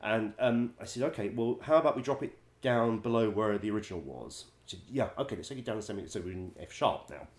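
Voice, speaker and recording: Low-voiced guy spinning wry showbiz stories, lots of ums and chuckles, echoey room. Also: fast talker, few pauses. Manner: chatty, wry, laughs often, many ums. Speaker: musical director and vocal coach. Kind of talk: casual anecdote-telling.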